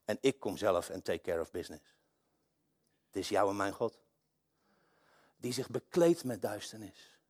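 A man preaching a sermon, swinging between hushed, intimate passages and loud, impassioned ones. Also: on the low side, measured pace, long pauses. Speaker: pastor.

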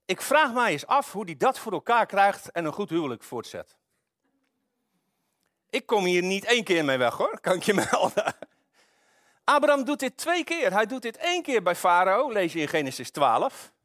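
A man's voice: sits high, big pitch swings, normal speed, fairly bright tone, no echo, clean studio sound. A man preaching, reading from the Bible and adding wry, conversational asides. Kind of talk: Bible reading with sermon commentary.

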